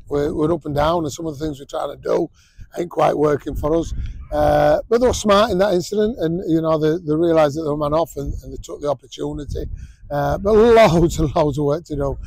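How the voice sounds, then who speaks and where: A rugby league head coach gives a blunt post-match interview outdoors at a sports ground, full of fillers and restarts. His voice is a little high and slightly mellow, with vocal fry, and the recording quality is low.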